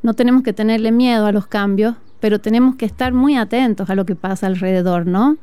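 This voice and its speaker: An Argentine music teacher and flutist from Tucumán, in northern Argentina, is a guest in a conversational interview in an outdoor school courtyard. She speaks earnestly and thoughtfully, fairly quickly, with frequent "eh" fillers, in a warm, smooth, medium-pitched voice. The sound is dry, with no room sound.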